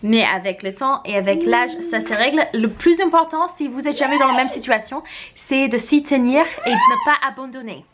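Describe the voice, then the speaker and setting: A woman's voice: high voice, wildly swooping pitch, moderate pace, fairly bright tone, a little hiss or hum. A woman in her thirties from France, chatting candidly at home as she answers viewer questions, laughing often. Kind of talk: casual chat. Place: home room.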